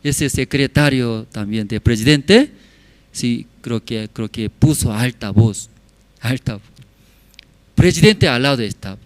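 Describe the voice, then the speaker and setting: A man's voice: medium pitch, animated, a little slow, no room sound. A man preaching, telling a story and checking in with tag questions. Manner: frequent tag questions to the audience. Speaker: pastor. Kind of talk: sermon storytelling.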